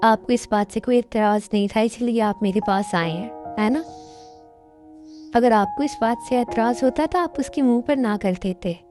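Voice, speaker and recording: A woman voicing a gentle young adult daughter in an amateur dub, speaking softly and earnestly. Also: fairly high pitch, normal speed, over music, natural voice.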